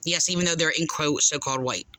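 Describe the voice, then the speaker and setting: A woman caller with a low, sharp voice makes an unscripted complaint, sounding aggrieved and insistent while she halts and rambles along.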